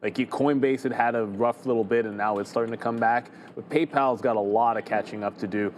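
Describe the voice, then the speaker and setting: A man's voice: medium pitch, fairly even intonation, fairly quick. A man co-hosting a live trading show, giving casual, off-the-cuff market commentary as he thinks aloud in a conversational way. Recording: faint noise on live stream.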